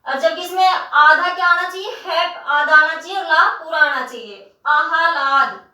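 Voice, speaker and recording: A woman teacher giving a spelling lesson. She speaks patiently, calls her students "beta", and spells words out slowly, syllable by syllable. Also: very high voice, sharp tone. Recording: echoey room, voice from the mic at a distance.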